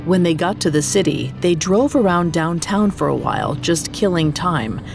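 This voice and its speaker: A woman's voice: fairly low pitch, lively intonation, moderate pace, creaky, over music. Woman narrating true crime dramatically. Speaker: podcast narrator.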